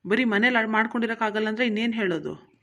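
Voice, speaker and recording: A woman's voice: a little high, racing, fairly bright tone. A woman voicing an impatient young husband in a cartoon, scolding his wife. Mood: angry. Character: angry young husband, the son. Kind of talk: cartoon voice acting.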